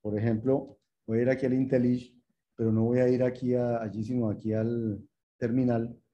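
A man's voice: medium pitch, level tone, normal speed, warm tone, dull audio. A man teaching a programming class, explaining patiently and repeating himself, checking in with students while he types code live. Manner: patient, repetitive explaining with rhetorical check-ins; addresses students formally, thinks aloud while typing. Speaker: programming lecturer. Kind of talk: lecture with live coding.

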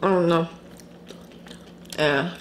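A woman vlogger chatting candidly while eating on camera, pausing to chew and hum over her food. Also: on the low side, fairly even intonation. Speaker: mukbang vlogger. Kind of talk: casual mukbang chat while eating. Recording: echoey room, faint background noise.

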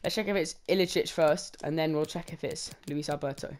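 A man giving lively, bantering commentary while opening game packs. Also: a little high, fairly quick, a little hiss or hum. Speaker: gaming channel co-host. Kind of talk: casual pack-opening commentary.

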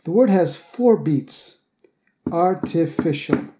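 A man teaching English pronunciation in a scripted lesson, with a mellow, warm tone. He breaks words down slowly, enunciating each syllable with care. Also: sits high, lively intonation. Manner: slow, careful enunciation of example words.

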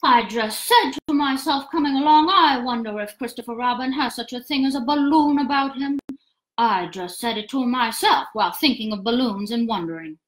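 A woman voicing a gentle, simple-minded male teddy bear who talks slowly and sings in a ponderous way. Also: fairly high pitch, roomy sound, lightly acted, low-quality recording. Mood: musing.

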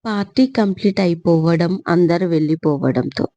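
A woman storyteller reading a serialized audio story in an even narrating voice. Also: on the low side, normal speed, no room sound. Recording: slightly dull lo-fi home recording.

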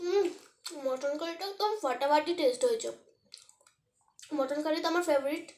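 A woman's voice: high-pitched, racing, darkish tone, roomy sound. A woman hosting an eating show, chatting to viewers and praising the food while talking with her mouth full. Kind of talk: casual eating vlog chat to viewers.

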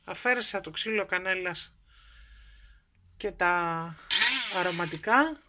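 A woman's voice: fairly low pitch, heavy background noise. Greek woman explaining a home recipe. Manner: calm step-by-step explaining. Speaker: cooking show host. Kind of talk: home cooking demonstration. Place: home kitchen.

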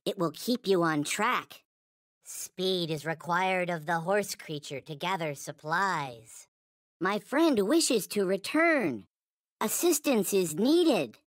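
A man's voice: high-pitched, a bit bright, no room sound, clean studio sound, heavily acted. A man voicing a small, polite, earnest toy alien from a video game, speaking in formal, stilted, backwards-ordered phrases. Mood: earnest, pleading. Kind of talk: video game character lines.

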